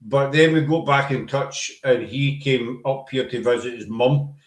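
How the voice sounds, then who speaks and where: In an echoey room, a Scottish podcast host with a Glaswegian accent spins rambling, filler-heavy anecdotes during a casual chat. His voice is medium-pitched and his pace measured.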